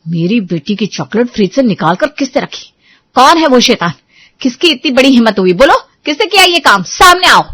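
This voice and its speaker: A woman voicing a furious, quarrelsome mother who scolds and shouts. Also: on the high side, sing-song, brisk, pitched above the performer's own voice. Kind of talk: storybook drama.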